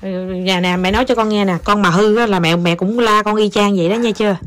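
A mother with a Southern Vietnamese accent talking to her toddler at home, coaxing and gently scolding in a casual chatty way. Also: mid-range voice, fairly even intonation, fast talker. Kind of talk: casual home video chat.

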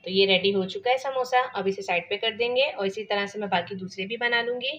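Brisk and fairly bright in tone, a medium-pitched woman presents a cooking channel from her home kitchen; the recording has its highs cut off and slight background noise. Her Pakistani Urdu accent comes through as she casually explains a home recipe step by step, peppered with filler phrases.

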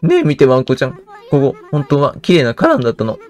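A man reading aloud a gentle little girl who waters a withered flowerbed in a video game, soft and hopeful. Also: medium pitch, huge pitch swings, quick pace, voice pushed up.

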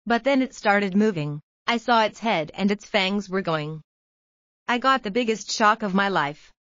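A woman narrating a news story in an even, measured scripted read. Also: mid-range voice, dry recording, highs cut off.

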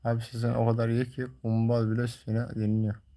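A man's voice: mid-range voice, completely flat delivery, brisk, dark tone. A man livestreaming, talking casually and colloquially to viewers in a grumbling, teasing way. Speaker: live streamer.

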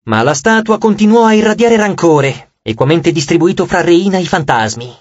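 A man's voice: sits high, expressive, normal speed, dry recording, muffled recording. A man narrating an audiobook with dramatic, scripted storytelling.

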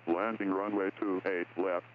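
Sex: man. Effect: airport weather broadcast over tinny radio. Pitch: deep. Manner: measured recitation. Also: flat delivery. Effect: airport weather broadcast over aircraft radio. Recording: tinny radio with faint hiss.

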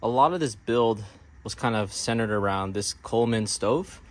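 A middle-aged DIY vlogger with a lowish voice narrates casually at a moderate pace in a residential driveway, informally thinking aloud as he explains how to do something. The recording is clear, with background noise and clicks.

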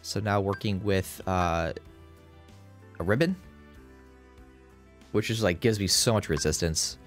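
Male let's-play host, deep voice, rambling and casual, groggy morning voice, faint game music behind. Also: measured pace. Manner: rambling, many fillers and restarts. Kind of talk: casual gameplay commentary.

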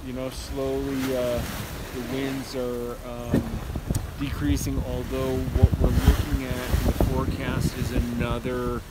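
Man in his forties, steady low-key voice, casual sailing vlog to camera at arm's length, loud wind noise over the mic. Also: unhurried. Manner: relaxed, explanatory, many fillers. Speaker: sailing travel vlogger. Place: outdoors on a sailboat deck at sea. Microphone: handheld camera at arm's length. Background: wind and waves.

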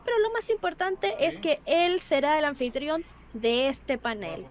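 A woman giving a live interpreted voice-over of an online panel, briskly and with small word restarts and self-corrections. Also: high voice, animated.

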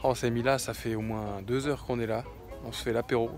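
A young man in his twenties chats into a phone held at arm's length, loose and relaxed, filling pauses with little sounds. Music plays under his voice the whole time. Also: mid-range voice. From France. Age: 20s. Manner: relaxed chatty, lots of fillers. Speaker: vlogger. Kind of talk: casual travel vlog. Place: outdoors by the sea and in a camper van.

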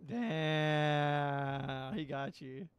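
A man's voice: fairly high pitch, very slow, clean tone, dry recording. A man streaming a shooter game, joking loosely with friends and rambling in casual chat.

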